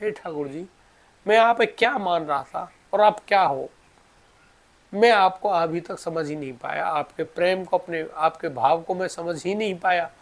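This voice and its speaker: A man's voice: sits high, a little slow, voice pushed up. A man voicing a stubborn, devoted old male ascetic who scolds in rustic speech. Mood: tearful devotion.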